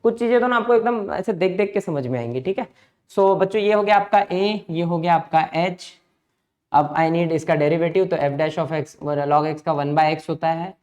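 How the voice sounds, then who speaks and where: This is a male maths teacher, giving a lecture. He talks at a brisk clip and coaxes his students along one step at a time. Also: fairly high pitch, darkish tone. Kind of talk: lecture mixing Hindi and English.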